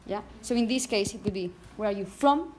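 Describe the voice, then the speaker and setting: A woman's voice: medium pitch, brisk, a little mellow, a little hiss or hum. A woman teaching a classroom pronunciation lesson, patiently correcting students and often checking "okay?".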